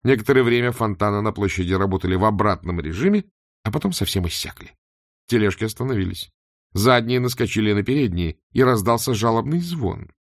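A male narrator reads a story aloud with expressive, storytelling delivery. His pitch moves lively up and down. The recording is dry and close to the mic. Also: a little fast, no echo. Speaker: audiobook narrator. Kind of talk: scripted narration.

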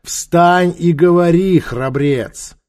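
A man's voice: medium pitch, measured pace, darkish tone. A male narrator voicing a cruel, domineering pharaoh warlord who barks orders and threats. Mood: lordly. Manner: barking, commanding.

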